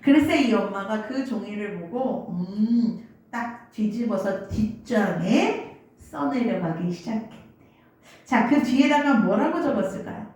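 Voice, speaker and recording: A woman's voice: a little high, expressive, a little slow, darkish tone. Woman pastor preaching in an echoey church. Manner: storytelling, asks the congregation questions. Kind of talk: sermon. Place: church sanctuary.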